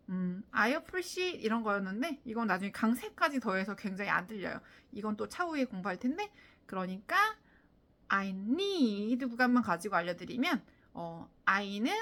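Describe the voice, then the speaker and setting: A Korean-speaking woman teaching English listening to viewers, with many fillers, who demonstrates English sounds and stress out loud. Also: on the high side. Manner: frequent fillers, talks directly to viewers. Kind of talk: video lesson on English listening.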